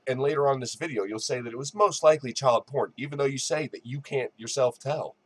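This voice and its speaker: A man's voice: mid-range voice, quick pace, slightly rough. A man delivering a mocking, sardonic response commentary on another person's video.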